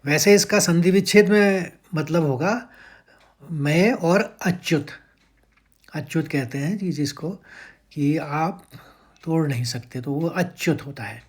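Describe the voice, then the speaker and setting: A man teaching how to recite verses, patiently breaking words into syllables and chanting each line slowly and drawn out. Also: on the high side. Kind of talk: step-by-step chant lesson.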